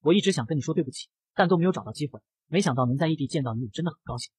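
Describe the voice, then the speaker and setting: A man reading a domineering rich heir in a comic recap, bossy and cold. The talk runs very fast on a husky, slightly high voice. It is dry, with no room in it. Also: expressive, a little mellow, dry recording. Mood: coaxing.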